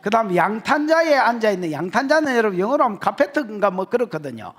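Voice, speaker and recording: A man with a Gyeongsang Korean accent preaching an expository sermon as pastor, joking with the congregation and shouting his key points. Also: high voice, quick pace. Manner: animated, jokey, shouts for emphasis.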